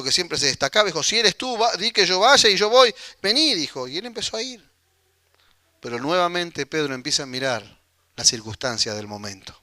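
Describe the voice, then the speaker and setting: A man with a Rioplatense Spanish accent preaching a sermon, animated and acting out the voices of people in the story. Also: medium pitch, dry recording. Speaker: pastor.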